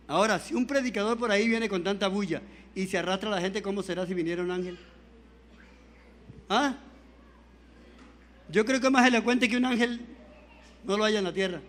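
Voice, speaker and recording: A male Pentecostal preacher giving a fervent sermon, swinging between quiet pleading and shouting, calling on the congregation for amens. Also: high voice, slight background noise.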